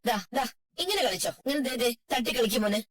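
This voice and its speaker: A woman's voice: a little high, big pitch swings, fast talker, slight background noise. A woman voicing an elderly grandmother who coos at her grandchild in sing-song baby talk and turns frantic when the child goes missing, in an amateur drama dub. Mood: doting. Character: anxious elderly grandmother, doting then frantic. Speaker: fan dub voice actor.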